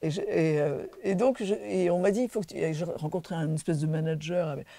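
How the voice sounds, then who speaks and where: A woman singer, a guest in a casual interview, telling animated stories with laughter and many restarts. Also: low voice, brisk, creaky, no echo.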